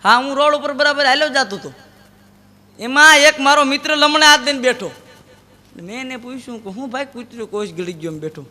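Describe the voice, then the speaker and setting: A man's voice: very high-pitched, lively intonation, brisk, pushed and bright, long reverb tail. A man telling comic anecdotes on stage, acting out friends in dialogue. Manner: telling joke anecdotes in first person, voicing friends in dialogue. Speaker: stand-up comedian. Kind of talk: Gujarati folk comedy storytelling.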